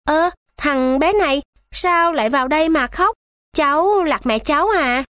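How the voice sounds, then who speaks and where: A woman's voice: sits high, a little slow, fairly bright tone, no room sound, voice pushed up. A woman voicing hospital nurses who sound concerned and surprised.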